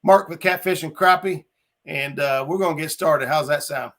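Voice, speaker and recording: A man's voice: a little high, moderate pace, fairly bright tone. A man hosting a casual fishing chat show, talking in a friendly, filler-heavy way and greeting viewers by name. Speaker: podcast host.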